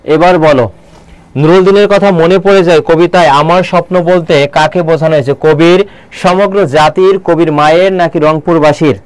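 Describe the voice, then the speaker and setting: Guy teaching a live online class, quick crisp voice, dry close sound, keeps firing questions at viewers. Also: on the high side, fairly even intonation, no echo. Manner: quizzing viewers with repeated questions; slows down to read poem lines aloud. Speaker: online admission-prep Bangla teacher.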